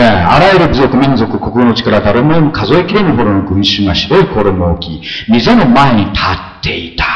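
A man delivers a lively sermon, his pitch leaping up and down as he moves from hushed asides to ringing exclamations. He keeps questioning his congregation in a conversational way. The sound is roomy and a little dull. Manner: animated, shifts between soft asides and loud exclamations. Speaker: pastor.

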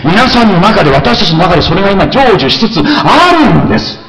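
A man preaching a sermon as pastor, animated, swinging between soft asides and loud exclamations, often asking his listeners questions. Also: high voice, fairly quick, roomy sound, low-quality recording. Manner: conversational, asks the congregation questions.

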